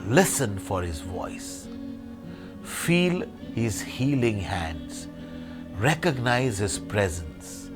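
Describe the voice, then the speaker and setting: A priest giving a sermon at a pulpit microphone, in a measured phrase-by-phrase delivery full of rhetorical questions and lists, slowing and softening into a hushed guided meditation. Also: male voice, fairly low pitch, very animated, music in the background. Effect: speaking at a pulpit microphone.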